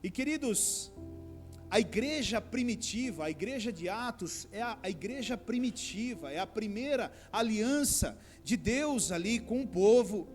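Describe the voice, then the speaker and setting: A man's voice: high-pitched, expressive, measured pace, faint music behind. A man pastor preaching a sermon, addressing the congregation as brothers and rising into pleading outbursts.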